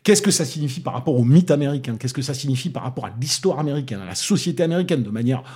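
Husky man with a Toulouse accent. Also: medium pitch, rapid-fire. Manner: hesitant, many fillers and restarts, animated critique. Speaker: film critic on a panel. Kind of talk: casual film review chat.

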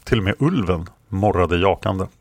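Man, fantasy story narrator, very low voice, gravelly, dry close sound. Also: dry recording. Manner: steady, measured storytelling. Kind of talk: reading a fantasy story aloud.

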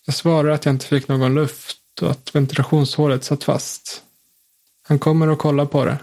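Man calmly narrating a suspense story. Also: on the high side, vocal fry.

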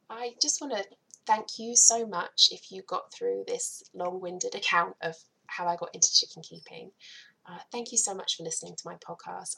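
A woman's voice: mid-range voice, creaky, pushed and bright, husky, poor audio. A woman with a British accent hosting her own podcast, chatting in an enthusiastic, rambling way. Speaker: podcast host. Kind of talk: casual solo podcast.

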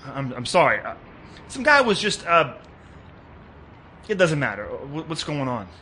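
A man's voice: fairly high pitch, very animated, moderate pace, bright, forceful tone, a little hiss or hum. An actor playing a weary, wisecracking hard-boiled private detective who narrates his own case. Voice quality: sardonic, weary. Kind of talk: noir detective narration and dialogue.

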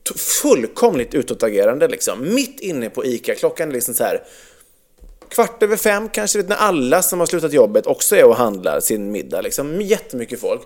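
Animated storytelling man, lively voice. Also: medium pitch. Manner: animated storyteller, swears freely, many fillers. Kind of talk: casual chat, personal storytelling.

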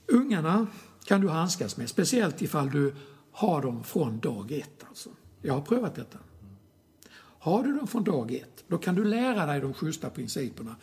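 A man explaining things in a casual conversation as a youth football coach, speaking in a slightly high voice with a gravelly edge. He is blunt and emphatic, swears freely, and keeps pressing his points with rhetorical questions. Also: darkish tone.

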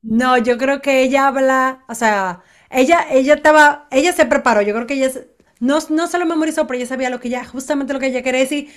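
A woman's voice: sits high, quick pace. A woman, co-hosting a casual gossip podcast and acting out what people said. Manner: animated, acts out quotes dramatically. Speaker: podcast co-host.

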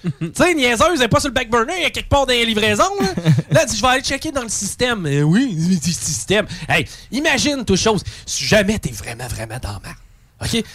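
High-voiced Québécois man ranting. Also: fast, dry recording. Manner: animated ranting, heavy swearing, acts out both sides of a dialogue. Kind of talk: casual comic storytelling among friends.

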